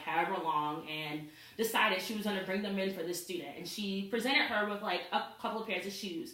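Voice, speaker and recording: A woman's voice: medium pitch, a bit bright. A young woman, a student, giving a casual introduction speech to her class, with fillers like "like" and "you know". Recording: echoey room, mic far off.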